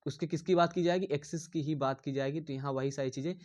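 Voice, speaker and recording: A man's voice: fairly high pitch, fairly even intonation, quick pace, darkish tone. Man teaching with rambling repetition. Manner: repetitive, rambling, addresses viewers as dear. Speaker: engineering drawing teacher. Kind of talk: casual online lecture.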